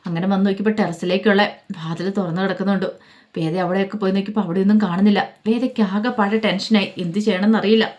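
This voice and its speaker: A woman's voice: mid-range voice, steady tone, quick pace, a little mellow. A woman retelling a television serial's story in a conversational way, with fillers. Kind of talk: casual spoken story retelling.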